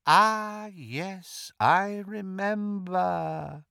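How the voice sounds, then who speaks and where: A man voicing a cold, mocking dark wizard lord in an audiobook, with a soft, silky hiss and slow, pompous menace. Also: sits high, creaky, clear, resonant tone, dry recording, studio quality, voice pushed up, exaggerated voice.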